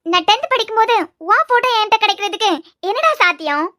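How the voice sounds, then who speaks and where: A woman voicing a sharp-tongued, defiant young woman in a Tamil cartoon series with a Kanyakumari accent. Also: expressive, quick pace, exaggerated voice. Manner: scolding, high-pitched retorts. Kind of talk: cartoon web series voice acting.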